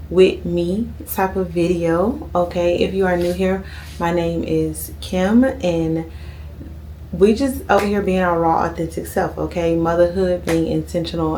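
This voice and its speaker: A woman's voice: on the low side, a little mellow, slight background noise. Chatty thirty-year-old woman. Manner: chatty, often adds "okay?" to her lines. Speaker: vlogger. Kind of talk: casual sit-down chat to camera.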